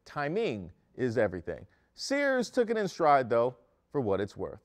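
A man's voice: mid-range voice, wildly swooping pitch, moderate pace. A young man hosting a comedic news segment, joking with mock-outraged asides, recorded standing in a studio. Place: studio set in front of a screen.

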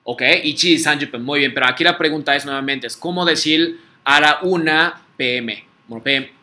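A man teaches a class, pausing often to check that his students follow. His voice is fairly high for a man and sounds bright and sharp. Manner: patient, repeats words for students to echo, frequent "¿sí?" checks. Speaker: Japanese language teacher. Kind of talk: online class drill, call and repeat.

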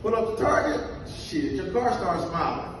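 A man's voice: high-pitched, big pitch swings, moderate pace, fairly bright tone. A man performing stand-up comedy at an open mic, bantering informally and profanely with the crowd. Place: indoor comedy club stage. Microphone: handheld stage mic, recorded from audience table. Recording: echoey club, distant phone, noisy room.

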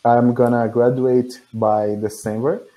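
Young Brazilian man with mellow tone. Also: mid-range voice, little pitch movement, unhurried, poor audio. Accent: Brazilian Portuguese. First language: Portuguese. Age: 20s. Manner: careful learner's English with friendly laughs. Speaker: English student. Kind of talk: casual video call chat. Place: indoor room, green backdrop. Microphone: headset on a video call.

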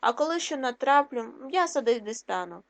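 A lean, hungry wolf who would rather starve than wear a chain, read aloud by a woman. He speaks bluntly and firmly, with a high voice. It is a plain storybook reading. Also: animated, moderate pace, creaky. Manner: blunt, firm refusal. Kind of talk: reading a folk tale aloud.

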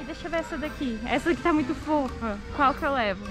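High-voiced woman talking through a face mask. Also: animated, quick pace. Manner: chatty, addresses viewers directly. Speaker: vlogger and mother. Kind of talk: casual vlog chat to viewers. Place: indoor supermarket. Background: background music.

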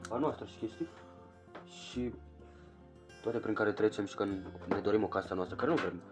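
A man's voice: on the low side, loud music behind the voice. A young man, chatting casually in a home vlog while scolding his child. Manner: chatty, rambling, scolding a child between remarks. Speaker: vlogger. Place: small bedroom at home.

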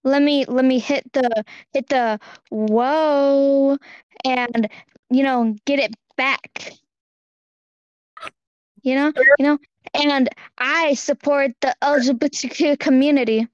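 Overprotective, out-of-touch dad voiced by a woman for amateur roleplay: high pitch, rambling delivery, lo-fi dry sound. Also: fairly even intonation. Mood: proudly clueless. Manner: halting, rambling, repeating phrases. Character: doting overprotective dad, clueless about trends, eager to seem hip.

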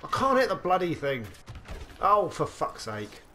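Excitable, swearing gamer man. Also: high voice, unhurried, a little hiss or hum. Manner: excitable, swears freely, talks to himself. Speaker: gaming video host. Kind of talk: live gameplay commentary.

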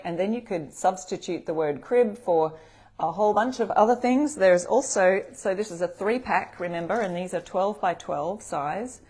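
This middle-aged Australian craft host speaks in a husky, lowish voice. She leads a live tutorial from a table in a bright room, greeting viewers by name as she chats.

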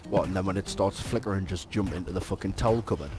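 A man's voice: deep voice, quick pace. A man chatting casually and crudely with friends during an online game. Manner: crude, joking banter. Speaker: gaming friend. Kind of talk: casual gaming chat. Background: game music.

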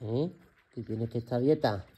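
Slow, mellow-voiced man coaxing animals. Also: medium pitch, slight background noise. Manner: coaxing, affectionate sing-song talk to animals. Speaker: animal sanctuary caretaker. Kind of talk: casual talk to animals on camera. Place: outdoor animal sanctuary.

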